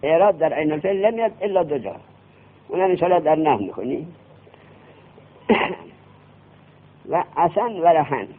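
A man teaching a classroom grammar lesson, quizzing his students with quick questions. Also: a little high, animated, breathy edge. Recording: tinny lo-fi classroom recording.

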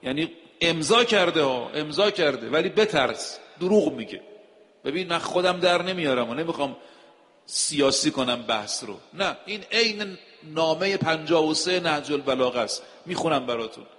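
Male preacher, higher-pitched, forceful sermon delivery, reverberant hall recording. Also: lively intonation. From Iran. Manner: emphatic, rhetorical questions, quotes scripture.

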